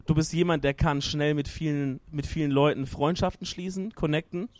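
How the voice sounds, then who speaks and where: A man's voice: a little high, fairly even intonation, normal speed, dry recording. A man in casual group chat at a gaming event, hesitant and searching for words, with lots of fillers. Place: noisy event hall at a gaming party.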